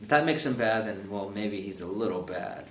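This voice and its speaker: Halting young man in an echoey room. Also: lowish voice, expressive, a bit bright. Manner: halting, repeats words often. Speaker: actor being interviewed. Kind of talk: casual interview chat. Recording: echoey room, distant mic, faint hiss.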